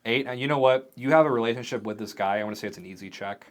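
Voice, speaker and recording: A man running a tabletop game as game master, narrating the scenes in a vivid, animated way. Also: medium pitch, racing, a little hiss or hum.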